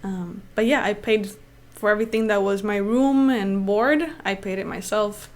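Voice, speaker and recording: A young adult woman from Honduras, a financial advisor guest in a casual interview, talking in an animated way with frequent laughs and ums. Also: medium pitch, moderate pace. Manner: animated, laughs easily, fillers like um.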